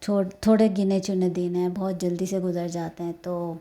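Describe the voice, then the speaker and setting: Speaking low, flat, and warm, this woman rambles through a casual vlog at home and at a horse stable, some of it outdoors. Every so often she stops to offer prayers and blessings.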